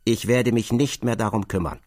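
A man's voice: fairly low pitch, moderate pace, darkish tone, dry recording, clean studio sound, close to an everyday voice. A man voicing an accused man who dismisses another with weary disdain. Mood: dismissive.

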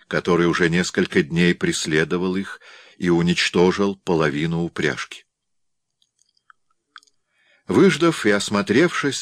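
A man narrating a classic novel as an audiobook in a measured, steady reading. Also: low voice, dry recording, clean studio sound. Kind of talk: scripted literary narration.

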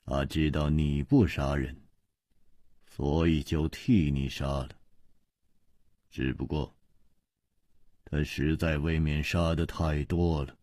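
A male storyteller voicing a cold-hearted, wry male martial companion, speaking quietly and mutteringly with a husky voice. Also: extremely low pitch, slow pace, long pauses, no echo, clean studio sound, pitched below the performer's own voice, full character voice.

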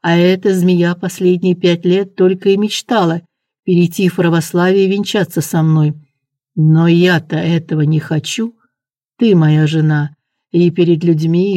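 Reader voices ardent young prince; soft chesty baritone, mellow and dark. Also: no room sound, clean studio sound, lightly acted. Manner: quiet, low chest baritone. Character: passionate young prince, tender lover.

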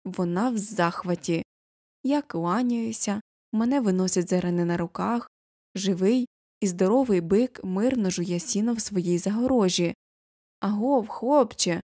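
A woman narrating a children's novel as an audiobook, expressive, lifting her voice for the quoted characters. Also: mid-range voice, normal speed, no room sound, studio quality.

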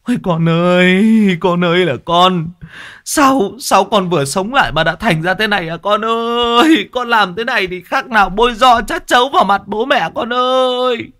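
A man's voice: high voice, moderate pace, sharp tone, pitched above the performer's own voice. A man voicing distraught parents in their fifties who wail over their daughter. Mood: wailing grief. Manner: wailing, lamenting.

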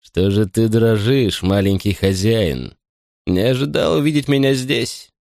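A man doing a slow, sinister drunk butler. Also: lively intonation, vocal fry, dry recording, clean studio sound. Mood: menacing. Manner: very slow, deliberate, quiet and low.

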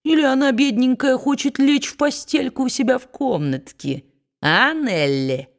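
A spiteful old-fashioned storybook dwarf, growling low and gloating over everyone around him, voiced by a woman. He bullies in one breath and coos with fake sweetness in the next. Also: animated, a little slow. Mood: mock-sweet. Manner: sneering, bullying, mock-sweet.

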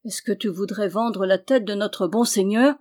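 A woman's voice: medium pitch, darkish tone, lightly acted. Woman reading as a motherly farmer's wife. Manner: quick to indignation, motherly. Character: warm, indignant middle-aged farmer's wife. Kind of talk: audiobook character reading.

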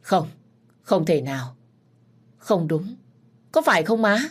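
A woman's voice: lowish voice, animated, slow, breathy edge, heavily acted. Confused young son, read by a woman, rising and pleading. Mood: shocked. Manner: bewildered, pleading.

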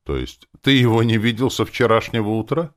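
A man's voice: lowish voice, fairly quick, pitched above the performer's own voice, natural voice. A man voicing an eager, earnest young boy in an audiobook, talking in a chatty way. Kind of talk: audiobook character voice.

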